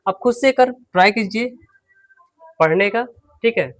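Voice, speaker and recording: Man, high voice, pronunciation teacher, unwell, slightly low voice, slow repetition, quizzing. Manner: repeats words slowly, quizzes the class. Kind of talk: online class in Hindi.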